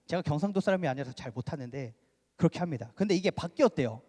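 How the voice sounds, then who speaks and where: A male pastor giving an animated sermon, full of rhetorical questions, in a church sanctuary. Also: fairly high pitch, fast talker. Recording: reverberant church hall.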